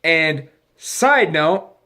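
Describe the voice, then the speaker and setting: A man with a slightly high voice, drunk and getting drunker, talks through a movie review. He rambles, doubles back on his sentences and drops crude slang and swearing as he goes. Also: animated, very slow, sharp tone. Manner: rambling, loses his thread, restarts sentences; profane, crude slangy talk. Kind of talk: casual rambling film review to camera.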